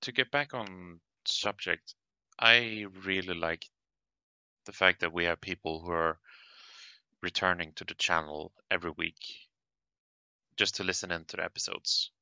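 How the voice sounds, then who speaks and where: A man co-hosting a casual chat for his channel, easygoing and quick to laugh. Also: sits low, fairly even intonation, vocal fry, sharp tone, clean tone, no echo. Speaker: channel co-host.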